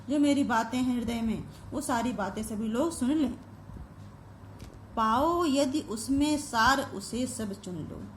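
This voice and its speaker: High-voiced woman teacher explaining poetry. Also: roomy sound, a little hiss or hum. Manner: recites verse lines slowly, then paraphrases them plainly. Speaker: Hindi teacher. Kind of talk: line-by-line poetry explanation lesson.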